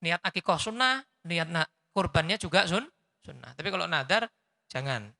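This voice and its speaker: Gravelly javanese preacher guy, super bright voice, big echoey hall. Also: a little high, moderate pace. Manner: lively, teasing, mixes in local words. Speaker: habib preacher answering questions. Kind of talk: religious study lecture.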